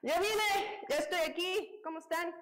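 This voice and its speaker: Coinstructora mexicana, voz aguda, platicadora y bromista. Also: female voice, extremely high pitch, measured pace, a bit bright. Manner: playful, greets viewers by name. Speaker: fitness instructor. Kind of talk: live online workout class.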